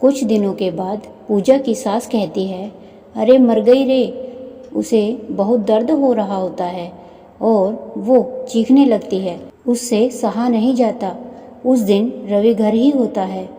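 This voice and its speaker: Slow, dark-toned woman narrating a story. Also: mid-range voice. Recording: long hall reverb.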